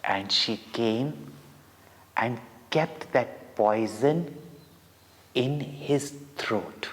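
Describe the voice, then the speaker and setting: In a hall with long, reverberant echo, an Indian man narrates devotional stories for kids. His medium-pitched voice moves slowly and dramatically, with short, deliberate pauses between phrases.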